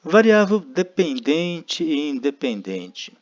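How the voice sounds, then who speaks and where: In a fairly high, very animated voice, a Brazilian Portuguese–accented man speaks slowly through a recorded math lecture. His explanations move step by step as he thinks out loud, frequently tacking on tag questions to make sure listeners are following; the lo-fi sound is dull.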